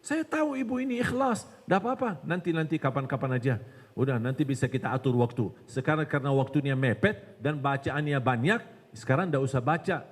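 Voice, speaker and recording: A man voicing a sly, flattering devil that whispers temptations. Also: medium pitch, fairly quick, lightly acted. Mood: coaxing. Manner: coaxing, wheedling. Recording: long hall reverb.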